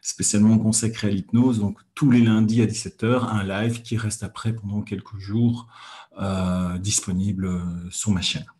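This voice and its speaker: A man hosting a weekly hypnosis lesson, talking calmly with frequent hesitant pauses and fillers. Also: on the low side. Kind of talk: calm teaching talk on a livestream.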